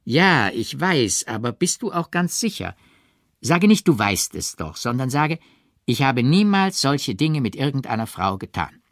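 A man playing a jealous, pressing gentleman. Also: medium pitch, very animated, a little slow, no echo, studio quality, voice pushed up. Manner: pressing, falsely gentle persuasion. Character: jealous, insistent gentleman lover.

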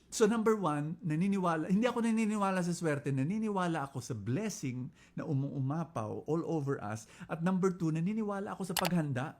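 A man with a Filipino accent giving an inspirational talk, telling stories with lively jumps in pitch and volume and switching between Filipino and English. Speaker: preacher.

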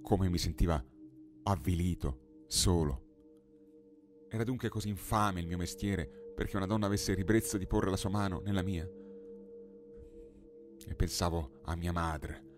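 A man with a very low voice reads a dark old tale aloud, impassioned and dramatic. Clear singing bowl music hums beneath his words. It is a studio audiobook narration. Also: moderate pace, pauses often. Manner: impassioned, swelling to loud pleading in dialogue. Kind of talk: dramatic audiobook reading of a 19th-century tale.

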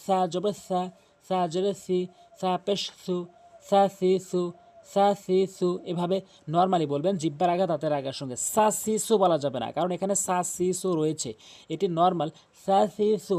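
A man teaching Quran reading, slowly drilling Arabic letter sounds over and over. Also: high voice, darkish tone. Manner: slow, repetitive call-and-drill recitation.

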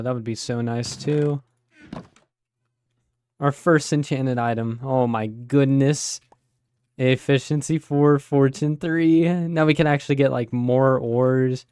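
Male gaming host, mid-range voice, hoarse and fading; casual play-by-play, dry recording. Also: medium pitch, no echo. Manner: chatty, easily surprised exclamations. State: raspy, voice giving out. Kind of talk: casual Let's Play commentary.

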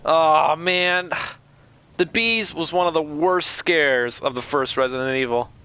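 A man's voice: on the high side, unhurried, clear, resonant tone. A man giving live commentary while streaming a horror game, chatting with viewers and breaking into startled exclamations. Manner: jumpy, exclaims loudly when startled.

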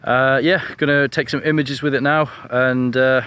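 This photography vlogger, an Englishman in his thirties, speaks smoothly at a moderate pace in a mid-range voice, casual, relaxed and self-deprecating as he talks to camera on an open beach at sunset. The recording is dry, made on a camera-mounted mic at arm's length, with faint outdoor noise.

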